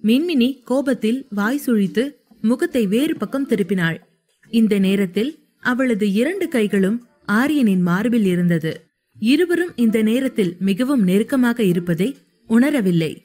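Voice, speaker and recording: A woman's voice: on the high side, expressive, unhurried, darkish tone. Woman narrating a romance story.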